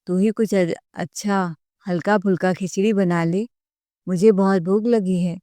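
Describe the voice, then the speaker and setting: A woman's voice: medium pitch, steady tone, a little slow, no room sound, natural voice. A woman voicing a strict, scolding older mother-in-law in a told story. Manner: sharp, scolding.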